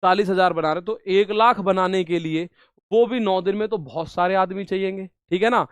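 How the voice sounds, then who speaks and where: A man's voice: high-pitched, fairly quick, smooth, dry recording. A man teaching an exam-prep maths lesson, repeating each step and coaxing his students along. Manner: repetitive, coaxing, addresses students as brother.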